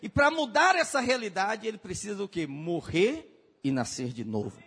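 Male preacher, storytelling sermon, high voice, long reverb. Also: normal speed, husky. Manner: lively, animated storytelling with acted-out voices.

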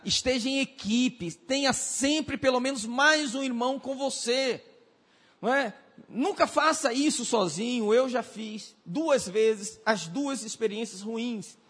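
A male pastor preaching and telling animated stories, acting out other people's voices and shouting at the climaxes. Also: high-pitched, slightly rough. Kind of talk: sermon with storytelling. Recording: hall reverb.

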